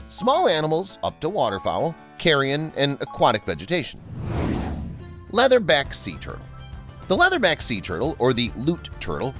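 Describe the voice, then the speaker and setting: Animated male nature documentary narrator. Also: mid-range voice. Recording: music under the voice. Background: background music.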